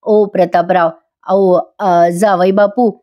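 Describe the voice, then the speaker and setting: A woman's voice: mid-range voice, level tone, slow, dull audio, lightly acted. A woman voicing a middle-aged man who begs forgiveness in an overly dramatic way. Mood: pleading. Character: theatrical apologetic middle-aged man, ex-drinker.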